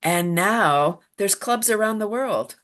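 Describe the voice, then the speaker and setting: A woman teaching laughter yoga in an interview, animated and quick to laugh, acting out little voices as she explains. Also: medium pitch. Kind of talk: enthusiastic interview talk.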